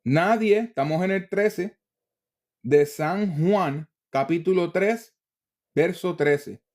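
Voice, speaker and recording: A man teaching from the Bible, reading verses slowly and deliberately with casual asides to the viewer. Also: high-pitched, a little mellow.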